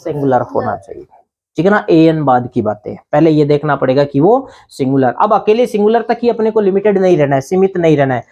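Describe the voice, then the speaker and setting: A man's voice: on the high side, animated, brisk, dark tone, lo-fi sound. Guy teaching grammar class, asks his own questions then answers em, keeps checking "thik hai na". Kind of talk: grammar lesson.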